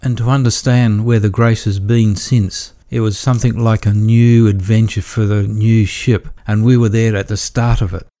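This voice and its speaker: A man's voice: fairly low pitch, little pitch movement, moderate pace, hardly any pauses, mellow. A man, middle-aged, telling stories in a rambling way with restarts, as a guest in an interview. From Australia. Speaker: guest, electrician. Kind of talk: storytelling interview.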